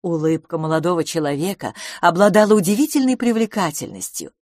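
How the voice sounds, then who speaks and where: A woman narrating a humorous novel with an expressive, animated reading. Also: fairly low pitch, brisk, no room sound, clean studio sound. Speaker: audiobook narrator.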